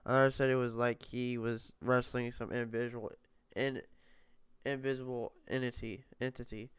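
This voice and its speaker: A man's voice: medium pitch, little pitch movement, normal speed, clean tone, no room sound. A young man casually reading a novel aloud, often stumbling over words and correcting himself. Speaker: reader.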